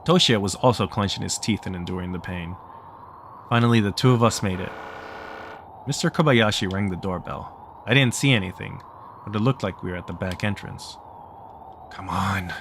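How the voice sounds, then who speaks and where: Against a noisy background, a man with a fairly low voice reads a visual novel's text aloud for a let's play. He narrates plainly but breaks off now and then for casual asides, joking and laughing.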